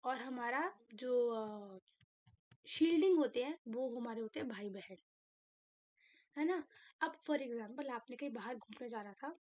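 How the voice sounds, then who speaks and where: High-voiced woman teaching chemistry. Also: unhurried, pauses often. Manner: animated, asks and answers her own questions. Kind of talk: classroom lecture.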